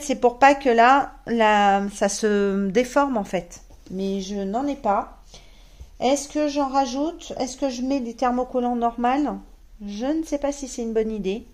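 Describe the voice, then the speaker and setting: A woman's voice: on the high side, a little mellow. A woman chatting casually to camera as a sewing vlogger, hesitant and rambling with many fillers and self-mocking asides. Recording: roomy echo.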